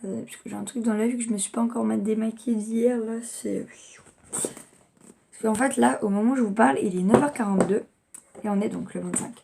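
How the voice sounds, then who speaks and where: A young woman rambles cheerfully through a gift-unboxing vlog, stopping often for fillers. Her voice has a gravelly fry to it. A steady hiss sits under the home recording. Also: fairly high pitch, a little fast. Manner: chatty, rambling, many fillers. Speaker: vlogger.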